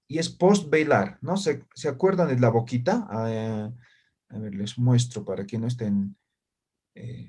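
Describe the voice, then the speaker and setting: A man leads a language lesson over a video call, speaking slowly and calmly with a slightly husky voice. He keeps checking that his students are following with short tag questions. He says practice syllables loudly and distinctly. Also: medium pitch. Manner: patient, ends phrases with "¿ya?" and "¿no?". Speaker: language teacher. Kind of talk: online class.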